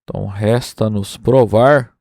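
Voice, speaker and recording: A man's voice: fairly low pitch, steady tone, a little slow, creaky, a little mellow, dry recording, clean studio sound. A Brazilian man teaching a university math class, working through a proof step by step and checking in with his students. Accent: Brazilian Portuguese.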